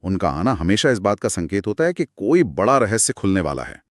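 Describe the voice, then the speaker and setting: Male co-host, deep voice, very lively intonation, dry close sound, dramatic storytelling delivery. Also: no echo. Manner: dramatic, expressive narration with slowed pauses. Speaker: co-host retelling scripture. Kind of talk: conversational storytelling discussion.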